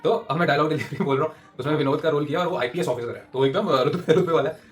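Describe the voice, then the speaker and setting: Fast-talking chatty male actor. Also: on the high side, a little hiss or hum. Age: 30s. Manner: fast, chatty, animated storytelling with frequent fillers and laughs. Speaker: TV actor giving acting tips. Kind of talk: casual advice talk to aspiring actors.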